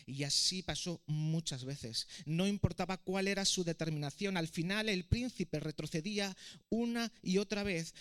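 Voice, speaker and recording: A man, a preacher narrating a parable dramatically in a sermon. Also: fairly high pitch. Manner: dramatic, expressive storytelling.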